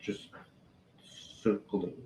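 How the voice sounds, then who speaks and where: A man from Iran hosting a live podcast stream, chatting casually and haltingly with guests and viewers. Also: dark tone, reverberant, a little hiss or hum, poor audio.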